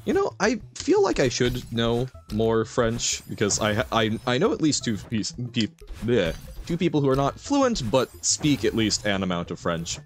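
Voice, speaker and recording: A man's voice: medium pitch, wildly swooping pitch, normal speed. A man livestreaming a game and chatting with viewers, chirpy and playful, with little sound words and exclamations. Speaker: live streamer. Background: game music.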